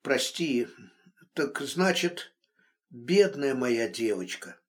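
A man's voice: medium pitch, very animated, slow. A man voicing a stern, worried man who scolds and comforts a friend brusquely. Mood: exasperated. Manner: brusque, exasperated.

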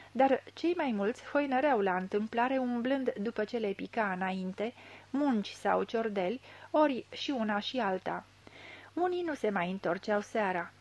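A woman reading a literary novel aloud in a measured, even storytelling manner into a close studio mic. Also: mid-range voice. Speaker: audiobook reader. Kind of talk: scripted literary narration.

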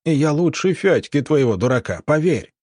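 A man's voice: a little high, very animated, moderate pace, a little mellow, no room sound, clean studio sound, voice pushed up. A man voicing a sleazy, scheming male military doctor who talks smugly and wheedles, then snarls when cornered. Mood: wheedling.

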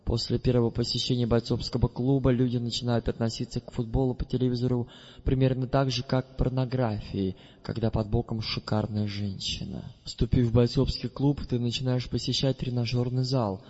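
A man narrating an audiobook in the first person, his mid-pitched voice measured and deliberate. The sound is slightly muffled and lo-fi, with a long reverb trailing after each phrase. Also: flat delivery, a little mellow. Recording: dull recording with long reverb.

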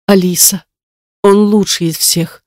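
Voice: medium pitch, fairly even intonation, measured pace, no room sound, clean studio sound, lightly acted. A reader voicing an anxious mother, grieving over her sick son and pleading tearfully, in an audiobook. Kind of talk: audiobook character reading.

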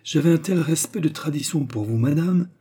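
A man's voice: fairly high pitch, lively intonation, normal speed, dark tone, slightly rough, voice pushed up. A man voicing a scheming young courtesan. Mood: flattering. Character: scheming young woman, a courtesan, feigning devotion. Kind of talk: audiobook character reading.

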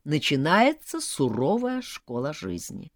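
A woman reading a humorous fantasy story aloud, with ironic, expressive storytelling. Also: sits low, measured pace, no echo, clean studio sound. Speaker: audiobook narrator.

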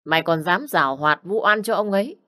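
A woman's voice: lowish voice, brisk, bright, forceful tone. A woman voicing a stern old mistress of a household who scolds and gives orders. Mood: commanding. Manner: commanding, scolding.

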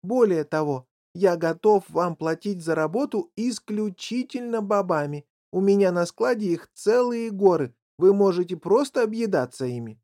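A man reading an audiobook and voicing an eccentric, excitable chocolate maker who tells his tale with animated exclamations. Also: sits high, moderate pace, hardly any pauses.

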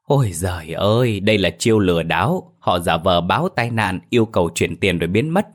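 An earnest young taxi driver, low-voiced and direct, speaking plainly with concern, as a male storyteller plays him. A spoken storybook figure, close to the narrator's own voice. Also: expressive, brisk. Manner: earnest, concerned, stammering when scared.

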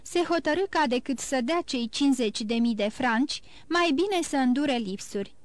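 A woman narrating an audiobook in an even, measured reading. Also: high voice, no echo. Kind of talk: scripted narration.

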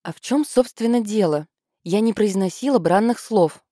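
A woman's voice: lowish voice, animated, a little fast, warm tone, dry recording, clean studio sound. A woman voicing a sly, teasing younger sister in an audiobook.

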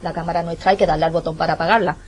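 A woman with a Spanish accent, a guest investigator on a radio show, recounting events and agreeing quickly. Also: on the low side, steady tone, breathy edge, rough recording. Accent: Spanish (Spain). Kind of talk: radio interview.

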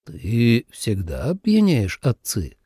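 A man voicing a calm, patient young male god who speaks in a subdued, measured way. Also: mid-range voice, breathy edge, dry recording, studio quality, heavily acted.

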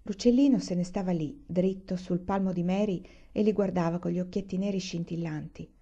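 A woman reading a children's novel aloud in an expressive, deliberate way. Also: on the low side. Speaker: reader. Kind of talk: storybook read-aloud. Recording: muffled lo-fi recording.

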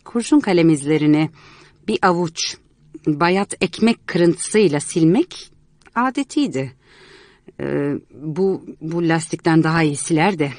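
A woman voicing a calm young man who explains haltingly and apologetically, in a storybook reading. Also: fairly low pitch, no echo, clean studio sound.

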